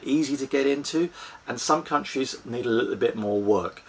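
Husky, gravelly man giving sailing advice. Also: mid-range voice, a bit bright. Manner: earnest, advisory, practical tips. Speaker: sailing vlogger. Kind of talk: explanatory talk to camera. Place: inside a sailboat cabin, small. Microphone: fixed camera at close range.

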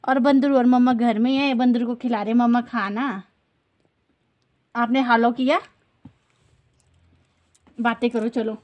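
A woman chats casually as a family vlogger, holding her phone at arm's length and speaking directly to viewers and family. Her fairly high voice stays fairly even in intonation at a measured pace, with frequent pauses. The handheld phone recording is lo-fi with background noise but no room sound.

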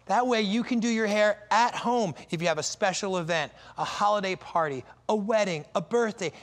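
Infomercial presenter: man, high voice, emphatic direct sell, reverberant studio with faint music. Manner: emphatic, direct address to viewers. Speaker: product creator and infomercial presenter. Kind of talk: infomercial sales pitch.

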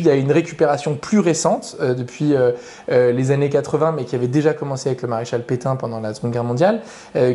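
This is a mellow, medium-pitched man's voice belonging to a young adult author invited as a guest. In his explanatory interview answers, he lays out lengthy, organized points in sequence.

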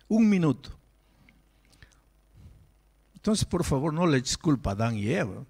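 A pastor in the middle of a sermon, a man with a voice of average pitch. He tells a moving story and lifts his voice sharply on key words, then slows down to let phrases land. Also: big pitch swings, gravelly, darkish tone, slightly rough. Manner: emotional, with sudden pitched emphasis and slowed phrases.

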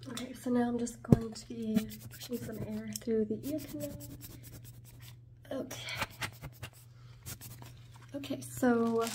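A woman in a soft ASMR ASMR role-play, playing a suspicious airport security officer who gives procedural, repeated instructions. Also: fairly high pitch, natural voice. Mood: soft, soothing. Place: small room at home, indoors. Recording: distant mic, clear background noise, clicks.

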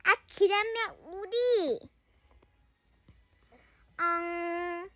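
Very high, bright child's voice. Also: steady tone, extremely slow, dry recording. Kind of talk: improvised pretend-play skit with several characters.

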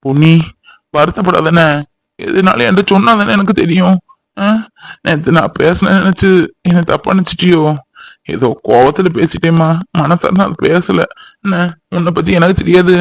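A man's voice: sits high, moderate pace, gravelly, long pauses, no echo, poor audio. A man voicing a caring young husband in a cartoon, soothing and concerned. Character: caring young village husband, gently coaxing. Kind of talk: cartoon voice acting.

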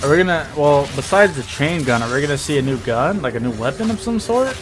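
A young man giving an excited, rowdy live reaction as a streamer, swearing freely in awestruck, drawn-out exclamations, party-animal style. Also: fairly high pitch. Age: young adult. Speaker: streamer reacting to a game showcase. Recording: clear game noise behind voice. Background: game sound and showcase audio.

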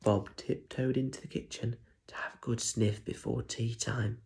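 Here a twenty-something British man reads to primary school children, playful and chatty, tossing questions to his young audience. The voice is medium in pitch, gravelly and somewhat dark, with little pitch movement and a moderate pace. A phone or tablet at arm's length captures him in a plain room at home.

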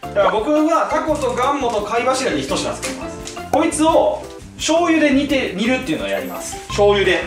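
A man's voice: very high voice, wildly swooping pitch, brisk. A young man with a Kansai accent, playfully hyping his own dish in casual cooking-challenge banter. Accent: Kansai Japanese. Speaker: YouTuber. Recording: roomy room with background music.

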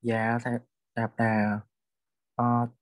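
A man's voice: medium pitch, completely flat delivery, slow pace, no echo. A male student, answering his teacher hesitantly and politely.

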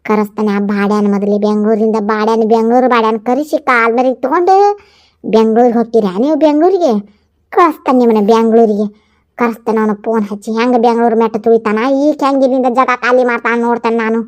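A woman's voice: on the high side, fast talker, darkish tone, close to an everyday voice. A woman with a North Karnataka Kannada accent voicing a bitter, scheming older village woman in a cartoon, in a scornful tirade. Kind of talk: cartoon voice acting.

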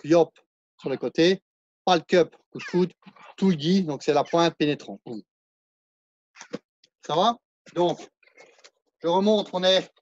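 A man's voice: high voice, a little mellow, no room sound, dull audio. A man with a French accent teaching a martial arts class, counting and explaining moves as he demonstrates them. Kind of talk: live online class instruction.

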